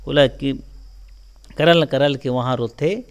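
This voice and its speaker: A man with a Chhattisgarhi accent telling a local folk legend in a casual, animated way, often filling with "jo hai na". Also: mid-range voice, takes it slowly. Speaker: storyteller guest.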